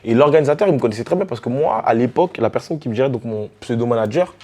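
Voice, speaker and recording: A man from the French Caribbean, a DJ and artist telling stories in a relaxed interview, with many fillers and restarts. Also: medium pitch, racing. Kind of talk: casual storytelling interview.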